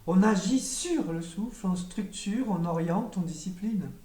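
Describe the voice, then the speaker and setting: A woman giving a spiritual teaching in a calm, measured, meditative way, with occasional hesitations. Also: mid-range voice. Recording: roomy echo, voice from a distance.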